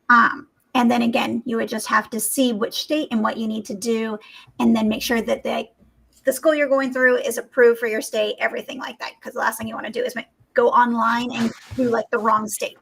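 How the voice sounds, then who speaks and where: A woman's voice: a little high, gravelly, fairly bright tone, husky, poor audio. A woman co-hosting a podcast, explaining things in an informal way with fillers. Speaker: podcast co-host. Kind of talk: casual chat.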